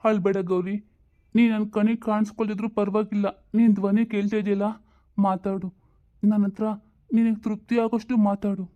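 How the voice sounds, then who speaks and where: A woman voicing an ailing old father, weary and longing for his late wife, speaking slowly and pleadingly. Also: mid-range voice, flat delivery, phone-quality sound, close to an everyday voice.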